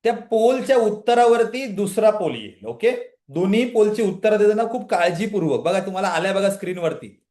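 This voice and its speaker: A man's voice: sits high, a little fast, roomy sound. A man leading a live online motivational session, questioning his listeners and prompting them to answer in the chat. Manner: energetic motivational talk, questioning the audience, often addressing a live chat. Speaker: trainer leading a women's empowerment session.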